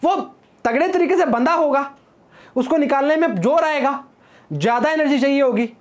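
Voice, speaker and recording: A man's voice: very high-pitched, animated, moderate pace. A man teaching physics in a casual classroom lecture, chatty and teasing as he talks straight to his students and wanders off into playful rhymes.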